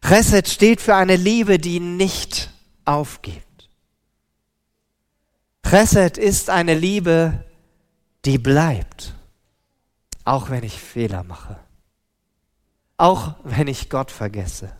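A man preaching a sermon, slow and deliberate with emphatic pauses. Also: a little high, lively intonation.

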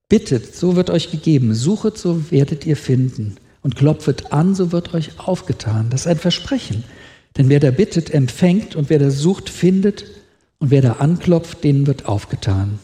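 A man's voice: fairly high pitch, mellow. A middle-aged man preaching a sermon, reading scripture with rising feeling and asking the congregation questions. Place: church hall with long reverb. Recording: long hall reverb.

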